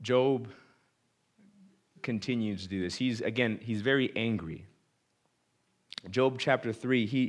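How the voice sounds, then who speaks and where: A man preaching a sermon in a conversational way. He reads scripture dramatically and acts out the people he quotes, swinging from loud to hushed. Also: medium pitch.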